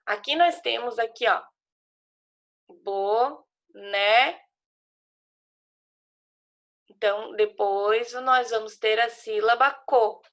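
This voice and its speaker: A female primary school teacher with a Brazilian Portuguese accent runs a remote class, patiently guiding young children through a worksheet and spelling out syllables. Her voice is on the high side and a bit bright, steady in tone, a little slow, with hardly any pauses.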